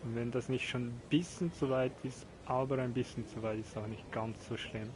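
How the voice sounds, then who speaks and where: A man casually commenting on his own game stream, halting as he thinks aloud. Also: medium pitch, fairly even intonation. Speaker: live streamer playing a golf game. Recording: noisy stream with game ambience behind.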